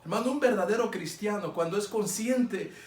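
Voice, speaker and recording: A man's voice: sits high, normal speed, roomy sound. A man preaching a sermon as pastor, earnest and pleading, asking his listeners many direct questions. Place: church sanctuary.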